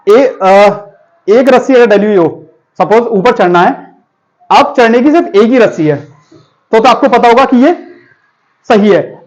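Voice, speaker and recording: A man's voice: high-pitched, darkish tone, dull audio. A man teaching a vocabulary class, explaining word meanings with memory tricks and asking his students questions.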